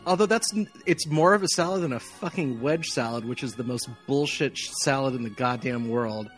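A man's voice: medium pitch, fairly quick, soft background music. A man co-hosting a podcast, ranting with heavy swearing in casual chat. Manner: ranting, profane, emphatic. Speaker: podcast co-host.

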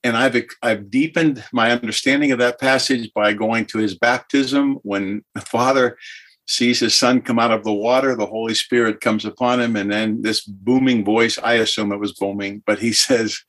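A man's voice: mid-range voice, steady tone, moderate pace, a bit bright. An older man speaking as a podcast guest, earnest and heartfelt, talking openly about faith. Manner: earnest, heartfelt, emotionally open. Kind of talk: podcast interview.

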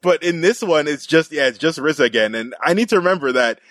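A man's voice: a little high, expressive, a little fast, a bit bright, dry recording. A man from Canada co-hosting a podcast, explaining things in an informal, rambling way with colloquial asides. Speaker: podcast co-host. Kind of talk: casual chat.

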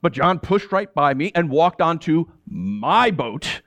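A male pastor delivering a dramatic first-person sermon, telling the story in character and swinging between hushed and exasperated. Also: fairly high pitch, big pitch swings, takes it slowly, dry recording. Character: the apostle Peter telling his own story.

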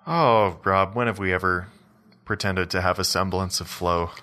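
A man co-hosts a casual podcast in a low voice with a sharp, bright edge. He jokes wryly and tosses off quick asides. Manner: wry and joking, quick asides. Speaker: podcast co-host.

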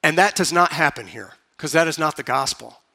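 Brief: male pastor, bright high voice, dramatic storytelling sermon with hushed moments. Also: expressive, a little fast, gravelly. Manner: dramatic storytelling that drops to a hush.

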